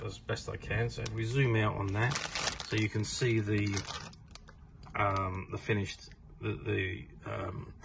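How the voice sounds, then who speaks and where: A man's voice: lowish voice, gravelly, slightly rough. A man presenting a toy shop's unboxing video, talking unhurriedly with many fillers as he reads box labels aloud. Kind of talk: unboxing product walkthrough. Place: indoors at a tabletop, off camera.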